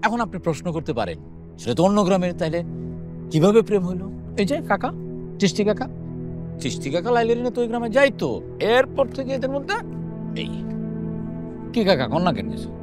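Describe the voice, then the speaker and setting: An actor playing a chatty village matchmaker who explains a romance to a village official, in a TV drama. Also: male voice, high-pitched, sing-song, quick pace, pauses often, over music. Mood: persuasive. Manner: chatty and persuasive. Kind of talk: TV drama acting.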